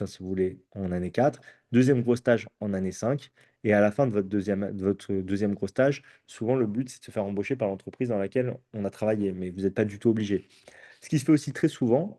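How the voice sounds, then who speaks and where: A man's voice: lowish voice, dark tone. A tired man giving an informational talk to students as a prep course presenter. He explains at length with frequent hesitations and keeps checking in with his listeners.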